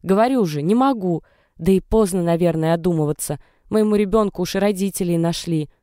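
An audiobook narrator voicing a distressed young pregnant woman, defiant and tearful, in a dry, clear studio read. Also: mid-range voice, a little fast, mellow, no echo, voice pushed up, close to an everyday voice. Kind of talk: audiobook character reading.

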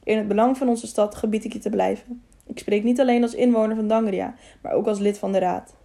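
A woman's voice: mid-range voice, fairly even intonation, fairly quick, creaky, mellow, close to an everyday voice. A woman reading the part of a stern, honest older male councillor who speaks firmly and with authority. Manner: firm, commanding.

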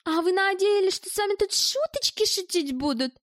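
A sardonic, sharp-tongued woman, put on by an audiobook reader who meets everything with venom and gloomy scorn. The voice sits high and bright. The recording is close and dry. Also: animated, moderate pace, no echo. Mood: scornful. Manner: biting, scornful, pessimistic. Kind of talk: audiobook reading.

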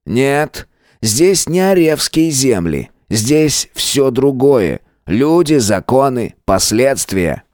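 A man's voice: mid-range voice, big pitch swings, a little mellow, no room sound, clean studio sound, pitched above the performer's own voice. A man doing a cold, mocking manipulator. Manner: slow, mocking, menacing. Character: middle-aged man, cold, scornful manipulator.

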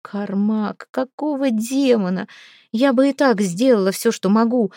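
A woman voicing a sharp-tongued, weary healer who scolds and gives orders in a raised voice. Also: a little high, measured pace, no echo, clean studio sound. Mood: commanding.

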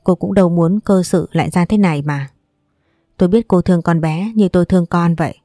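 A woman voicing a distraught mother, hoarse from crying, who pleads in anguish. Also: on the low side, a little fast, warm tone, no room sound, clean studio sound, lightly acted. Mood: worried. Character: distraught mother, tearful and frantic.

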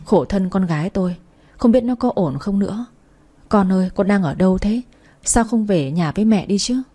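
A woman's voice: medium pitch, expressive, moderate pace, dark tone, husky. A woman voicing an older mother who fiercely defends her daughter, bitter and grieving. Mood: sorrowful.

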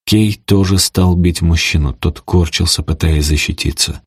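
Deep husky guy reading an audiobook, dry close mic, steady dramatic telling. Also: normal speed, no room sound. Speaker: narrator.

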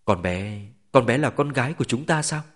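A man's voice: medium pitch, expressive, normal speed, fairly bright tone, lightly acted. A man voicing an earnest, remorseful young husband in an audiobook, firm and sincere. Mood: trembling.

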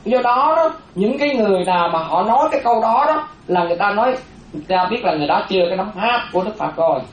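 A Buddhist monastic woman, giving a lively dharma talk and often asking the audience questions. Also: medium pitch, very fast. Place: hall with a seated audience. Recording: roomy, dull sound with faint audience.

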